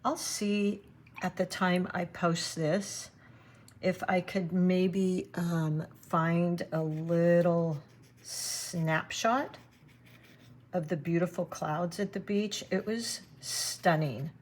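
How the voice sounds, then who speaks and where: A woman giving a relaxed watercolor painting demonstration, thinking aloud as she works and chatting to her viewers. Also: fairly low pitch, drawn-out words. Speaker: watercolor art teacher.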